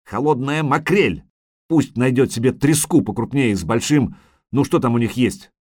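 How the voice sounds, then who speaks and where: A man's voice: mid-range voice, moderate pace, a little mellow, no echo, clean studio sound, close to an everyday voice. Man doing a barking haughty prince. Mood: imperious, angry. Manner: barking and imperious. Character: haughty, hot-tempered prince.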